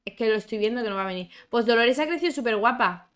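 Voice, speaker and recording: A woman's voice: a little high, expressive, fast talker, fairly bright tone, smooth. A young woman giving chatty, exclamatory commentary as she plays a life-sim game, talking to her characters and her viewers. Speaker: gaming YouTuber. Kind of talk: casual gameplay commentary.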